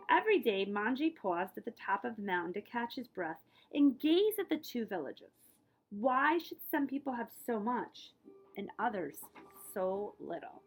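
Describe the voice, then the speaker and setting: Through poor audio, a woman of medium pitch reads a picture book aloud in the style of a librarian. Her delivery is expressive, with key words dramatically emphasized and explanatory asides woven in.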